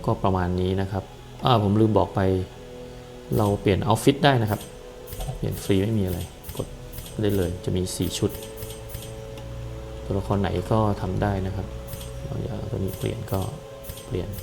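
A man casually explaining a game's character class and skills, relaxed and hesitant, with frequent pauses and fillers. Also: lowish voice, creaky, over music, poor audio. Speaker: gameplay commentator. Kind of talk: casual game walkthrough.

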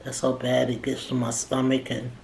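Filming a mukbang, a middle-aged woman talks casually in between mouthfuls while seated at a table in a small room. Her low voice is gravelly, darkish, and monotone at a moderate pace, captured by a camera set a little way off on the table in an echoey space with background noise.

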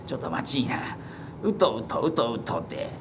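A man's voice: mid-range voice, big pitch swings, fairly quick, a little hiss or hum. A man performing rakugo, voicing an older neighborhood boss who scolds with dry retorts in a Kansai accent. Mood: scolding. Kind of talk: rakugo storytelling.

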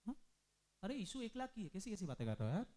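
A man's voice: sits high, very animated, dark tone. Male commerce tutor, classroom lecture, quizzes the students nonstop. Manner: drills students with rapid questions; mixes Hindi with English terms. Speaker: commerce teacher.

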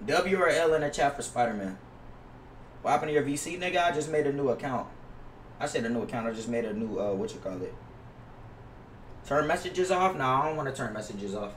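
This young American streamer is animated and brisk, his medium-pitched voice broken up by frequent pauses. Chatting casually to viewers, he's slangy and profane and repeats himself a lot. The gaming headset mic in his indoor room records him from a distance, roomy and with noise.

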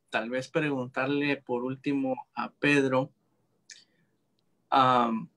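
A male interviewer poses a long question to his guest at an unhurried pace. His phrasing is careful and hesitant, with small fillers as he works it out, in an even middle voice. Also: medium pitch.

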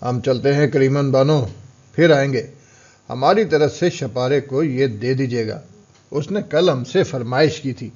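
A man's voice: mid-range voice, darkish tone, muffled recording, close to an everyday voice. A man playing a proud, aloof wealthy merchant in an audiobook, speaking curtly.

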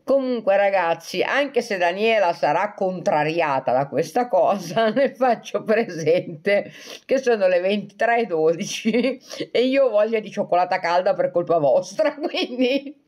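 A woman's voice: medium pitch, expressive, measured pace, darkish tone. Chatty, joking woman livestreamer. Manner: chatty and joking, breaking often into laughter; reads out and answers viewer comments. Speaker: livestream host. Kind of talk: casual livestream chat, signing off to viewers.

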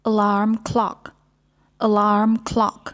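A woman's voice: mid-range voice, monotone, extremely slow. A woman with a Thai accent teaching beginner English vocabulary, saying each word three times before she explains it.

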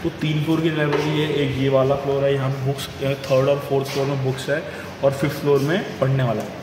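A man's voice: mid-range voice, level tone, fast talker, background noise. A young man in his twenties, vlogging casually and joking with viewers while touring his college and a gym. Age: 20s. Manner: joking, chatty, talks to viewers. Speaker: fitness vlogger and college student. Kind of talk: casual vlog chat. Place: college building and gym, indoors. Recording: echoey rooms with music behind.

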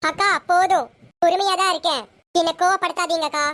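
A performer playing a firm, defiant young sister-in-law in a serial parody skit, measured and pushing back. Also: very high voice, steady tone, a bit bright.

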